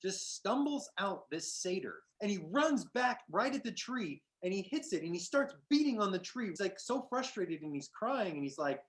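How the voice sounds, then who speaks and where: Dude game-mastering a fantasy game, chill, kinda hesitant, voice bounces around. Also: male voice, sits high, very animated, normal speed, few pauses, a bit bright. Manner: casual, hesitant scene-setting. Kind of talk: narrating a tabletop game.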